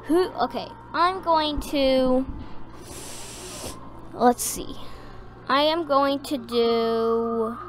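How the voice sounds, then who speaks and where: High-voiced woman rambling over gameplay. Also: extremely slow, pauses often. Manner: rambling, hesitant, many ums. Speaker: gaming video creator. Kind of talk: casual gameplay commentary.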